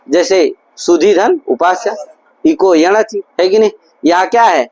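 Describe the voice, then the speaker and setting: A man's voice: sits high, measured pace, a little mellow, dry recording, low-quality recording. A man teaching Sanskrit grammar in a classroom lecture, drilling his students with constant repeated questions. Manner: repetitive, drilling explanations. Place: gurukul classroom.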